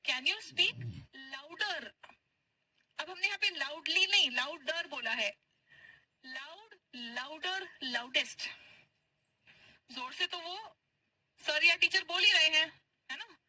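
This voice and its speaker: Female English tutor, high and very bright voice, unhurried, repeats each phrase for learners. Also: no room sound, rough recording. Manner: patient, drills phrases slowly and repeats them. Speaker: English teacher. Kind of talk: spoken English class for Hindi speakers.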